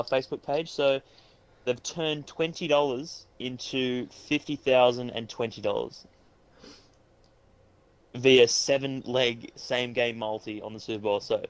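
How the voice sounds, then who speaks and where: A man's voice: mid-range voice, clear, resonant tone, rough recording. Young man, from England, tired, podcast co-host, laughs easily, casual sports chat. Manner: laughs easily, stumbles over names. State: tired, yawning.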